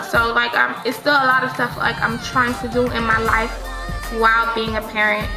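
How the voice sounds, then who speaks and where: Her voice is a little high and the audio sounds roomy. She's a twenties vlogger delivering a casual, rambling opinion piece to camera, often self-correcting and filling gaps with "like."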